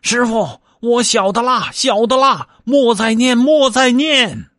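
A cocky, hot-tempered male monkey from a storybook, whose voice leaps up into shrill yelps when he is hurt, as a man acts him out. His lines swoop widely and sound husky and dry. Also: big pitch swings, unhurried, dry recording. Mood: howling in pain. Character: brash quick-tempered monkey disciple, male.

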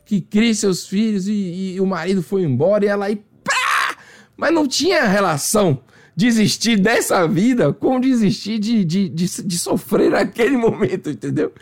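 A man's voice: high-pitched, lively intonation, moderate pace. A man from Salvador, telling a story in casual podcast chat and acting out voices and sound effects. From Salvador, Brazil. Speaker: podcast guest.

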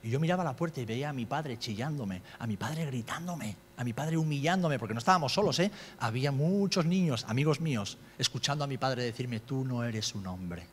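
A man's voice: expressive, fairly quick, hardly any pauses, slight background noise. Middle-aged male preacher, Spain Spanish accent, impassioned sermon delivery, big hall reverb. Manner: swings from loud, high-pitched outbursts to low, quiet storytelling.

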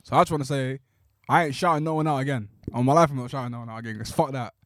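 A young man hosting a casual podcast, loud, joking and full of slang. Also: medium pitch, fairly even intonation, racing, no room sound, studio quality. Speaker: podcast host. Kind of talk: casual chat.

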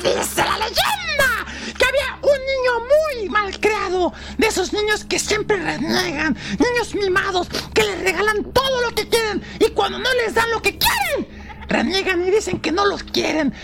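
A woman with a Mexican accent telling a horror story casually, with slang, jokes and dramatic pauses. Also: extremely high pitch, vocal fry.

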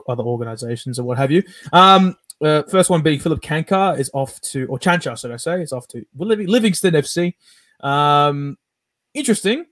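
A man's voice: medium pitch, no room sound. A man from South Africa hosting a casual sports podcast, upbeat and hesitant, with many fillers. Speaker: podcast host.

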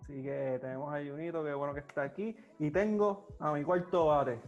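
Enthusiastic Puerto Rican man, slightly high voice. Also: fairly quick, a little mellow, highs cut off, faint music behind. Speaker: podcast host and moderator. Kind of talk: upbeat podcast hosting.

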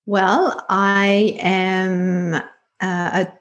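A middle-aged woman, a meditation teacher, speaking calmly and reflectively as an interview guest. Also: mid-range voice, extremely slow, dull audio. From New Zealand. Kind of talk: casual interview chat.

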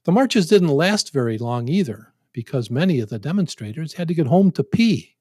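A man in his seventies introduces his podcast in a folksy, joking manner. His voice sits a little high for a man. The sound is dry and close, with no room around it. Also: very animated, normal speed, dark tone, no room sound. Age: 70s. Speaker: podcast host. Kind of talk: casual podcast introduction with jokes.

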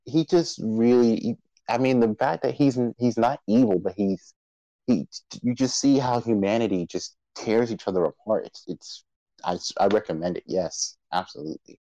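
A man's voice: lowish voice, moderate pace, mellow, dry recording, dull audio. Stammering man moderating a casual chat. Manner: rambling, stammering restarts, laughs often. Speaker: podcast moderator. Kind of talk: casual chat about anime awards.

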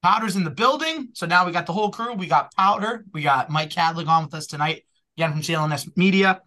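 A man with a Boston accent hosting a casual sports podcast, chatty and energetic. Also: sits high. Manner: energetic, chatty, quick asides. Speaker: podcast host.

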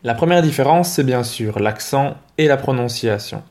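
A man co-hosting a language lesson, explaining in a brisk, plain-spoken way. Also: medium pitch, lively intonation, a little mellow. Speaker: language teacher.

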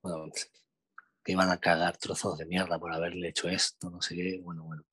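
A young man from Spain with a Spanish accent, telling a slangy, animated anecdote in casual chat. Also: low voice, a little fast, breathy edge, no echo. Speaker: storyteller.

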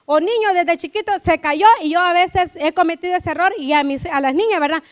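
A woman preaching a lively church sermon, often checking in with her listeners and acting out family scenes. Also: very high-pitched, fairly quick. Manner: animated, keeps asking "right?", acts out family quotes.

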